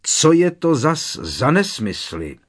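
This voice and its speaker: A man's voice: mid-range voice, wildly swooping pitch, a bit bright, slightly rough, pitched above the performer's own voice, full character voice. A man putting on a sneering stern professor. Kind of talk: audiobook character voice.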